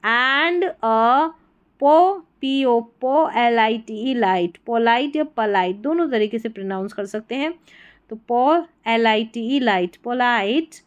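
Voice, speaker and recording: A woman's voice: a little high, animated, takes it slowly, clean tone, muffled recording. A young Indian woman teaching English reading, spelling each word letter by letter before saying it, with an Indian accent. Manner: spells words letter by letter, then says them in Hindi-accented English. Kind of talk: slow spelling-out reading lesson.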